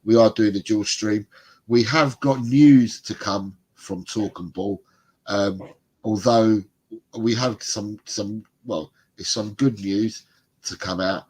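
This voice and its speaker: A little congested, a middle-aged man co-hosts a football fan livestream, casually reading viewer comments aloud. His low voice is husky and a little mellow, and he takes it slowly, rambling chattily and laughing often.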